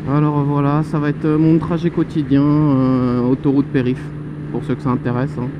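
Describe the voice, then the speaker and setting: A man's voice: a little high, level tone, normal speed. Young man talking while riding a motorbike. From Paris suburbs. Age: 20s. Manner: chatty, joking, exclaims "oh là là". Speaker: motovlogger. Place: motorcycle on city roads. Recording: lo-fi helmet mic with traffic noise. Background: traffic and horns.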